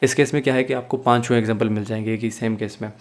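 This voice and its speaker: Racing through his explanation, the law teacher lectures didactically in Hindi-Urdu laced with English phrases, often pausing to confirm his listeners follow. His voice is mid-range with fairly even intonation.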